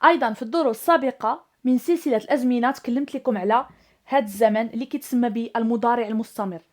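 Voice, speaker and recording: Moroccan lady teacher, high voice, explains english grammar and slows way down on the example sentences. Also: a little mellow. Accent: Moroccan Arabic. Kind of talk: explaining at a whiteboard, switching between Moroccan Arabic and English.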